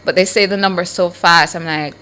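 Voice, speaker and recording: A woman, co-hosting a morning radio show in casual, animated chat. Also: on the low side, fairly quick, clear, resonant tone. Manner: chatty, animated, teasing.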